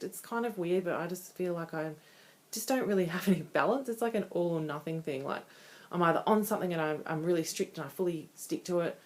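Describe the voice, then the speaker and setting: In a casual personal video diary, a vlogger in her thirties talks candidly and conversationally. Her voice is low-pitched with a darkish tone.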